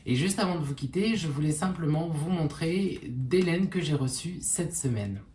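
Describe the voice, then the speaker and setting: A woman presenting in a casual knitting vlog, conversational and unhurried, pausing often and correcting herself. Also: sits low, expressive, mellow. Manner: conversational, unhurried, with frequent pauses and self-corrections. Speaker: knitting vlogger. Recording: roomy echo with faint background noise.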